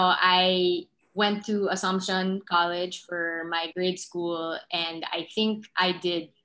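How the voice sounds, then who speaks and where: A woman's voice: on the low side, a bit bright, low-quality recording. A young woman, a guest speaker talking casually about herself from home over a video call, friendly and a little self-conscious. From Philippines. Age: young adult. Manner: friendly, slightly self-conscious, many ums. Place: dim room at home, indoors. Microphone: laptop mic on a video call.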